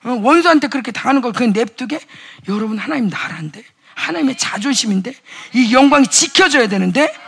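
A woman's voice: on the high side, expressive, fast talker, gravelly, breathy edge. A middle-aged woman preaching a casual, chatty sermon to young adults, acting out quoted voices and rising to fervent exhortation. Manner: acts out quoted voices and mutters asides. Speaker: pastor's wife preaching at a youth revival.

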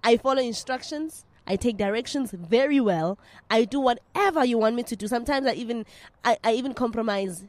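A woman's voice: a little high, a little fast, darkish tone. A South African woman speaking as an interview guest in candid, casual chat, emphatic and repeating her phrases, with slang mixed in. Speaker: interview guest, actress and media personality.

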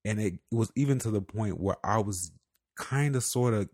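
Deep-ish guy hosting a podcast, earnest and reflective, dry close sound. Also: normal speed, darkish tone, no echo. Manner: earnest, reflective, with fillers like kinda sorta. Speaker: podcast co-host. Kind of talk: casual podcast chat.

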